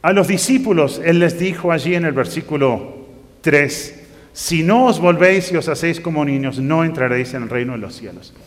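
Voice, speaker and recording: A man's voice: fairly high pitch, animated, moderate pace. A man preaching a sermon, reading scripture aloud and rising to emphatic bursts. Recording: long reverb of a hall.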